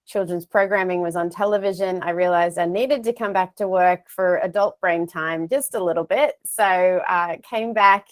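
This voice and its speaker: A woman's voice: on the low side, moderate pace, hardly any pauses. An Australian woman in her thirties, telling her career story in a chatty, self-deprecating way over an earphone mic on a video call from a home office. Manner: chatty, self-deprecating, gestures while talking. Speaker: guest speaker. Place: home office with shelves of plush toys.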